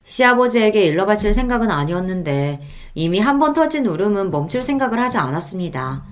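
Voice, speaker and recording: A woman reads a first-person life story aloud, speaking at a middle pitch. Her delivery is even and confiding, in the manner of an audiobook.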